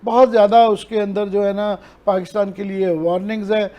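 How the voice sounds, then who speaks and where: A man's voice: high-pitched, little pitch movement, mellow. A man with a Pakistani Urdu accent, explaining events earnestly as an analyst on a news talk show and mixing in English terms. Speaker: political analyst.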